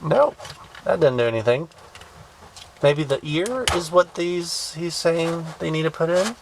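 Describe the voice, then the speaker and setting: A man casually reviewing a toy, thinking aloud with halting restarts. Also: on the high side, creaky, background noise. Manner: hesitant, many fillers and restarts, thinking aloud.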